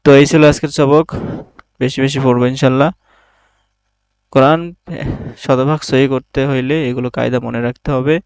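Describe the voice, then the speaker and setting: A man teaching an online Quran lesson, spelling out Arabic letters slowly syllable by syllable. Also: mid-range voice, steady tone, a little mellow, clean tone, no room sound. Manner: slow, methodical syllable-by-syllable drilling.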